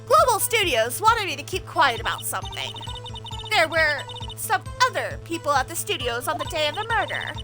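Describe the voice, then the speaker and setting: A woman's voice: sits high, sing-song, moderate pace, music in the background, voice pushed up. A woman voicing a cranky, talkative old lady witness from a video game in a whiny, nasal old-person voice, indignant and folksy. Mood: indignant, defensive.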